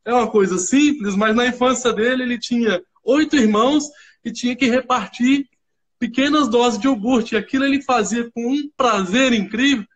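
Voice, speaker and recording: A man's voice: very high-pitched, moderate pace, muffled recording. A man hosting a casual live-stream conversation, easygoing and agreeable, adding short stories of his own. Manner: relaxed, agreeable, shares short personal anecdotes. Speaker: host.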